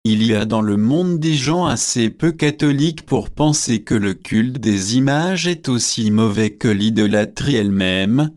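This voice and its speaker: A man reading the lines of a skeptical, teasing young man in a storybook, slow and measured. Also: mid-range voice, a little mellow, no room sound, clean studio sound, close to an everyday voice.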